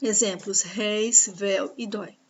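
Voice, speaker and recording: A woman teaching a grammar lesson, patiently explaining rules and spelling out examples slowly. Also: medium pitch, steady tone, a little hiss or hum. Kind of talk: grammar lesson over slides.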